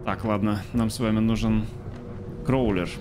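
A man's voice: fairly low pitch, steady tone, moderate pace, music in the background. A man doing live commentary as a scared horror game streamer, joking and swearing in jumpy reactions. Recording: noisy stream with game ambience.

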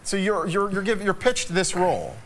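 A man's voice: high-pitched, lively intonation, normal speed. A man co-hosting a TV chat show, upbeat, asking the questions and laughing often. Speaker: TV morning show co-host. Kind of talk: casual TV chat interview.

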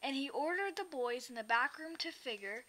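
A woman's voice: high-pitched, animated, moderate pace, sharp tone, slight background noise. A woman reading a rhyming children's picture book aloud with a lilting delivery. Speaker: storyteller.

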